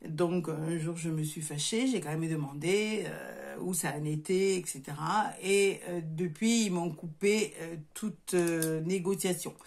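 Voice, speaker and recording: A woman's voice: on the low side, measured pace, few pauses, darkish tone. A middle-aged woman with a southern French accent, chatting casually to camera in her craft workshop, hesitant with many fillers and restarts. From southern France. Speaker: crafts vlogger. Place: home craft workshop, indoors.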